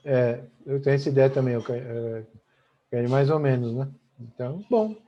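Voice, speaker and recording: A man's voice: medium pitch, normal speed. Brazilian guy teaching a language class online, keeps saying né, kinda muffled call audio. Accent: Brazilian Portuguese. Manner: chatty, explanatory, tags almost every sentence with "né?". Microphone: video call.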